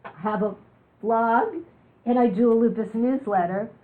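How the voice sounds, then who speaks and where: A woman with a slightly high voice speaks at a moderate pace in a lo-fi, phone-like recording. Her talk on living with chronic illness is full of candid personal stories and jokes.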